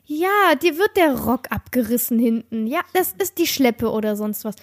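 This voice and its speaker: A woman's voice: fairly high pitch, lively intonation, normal speed. A young woman chatting casually as a podcast host, telling a story with lots of restarts and fillers. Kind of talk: casual chat.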